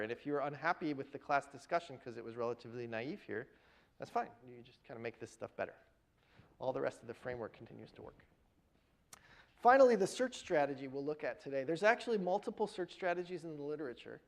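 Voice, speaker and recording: A man giving a university lecture in a classroom, his voice pitched in a middle register. He walks through the material step by step and keeps checking in with the students. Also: poor audio. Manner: explains step by step, often checks in with "right?" and "okay?". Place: lecture hall.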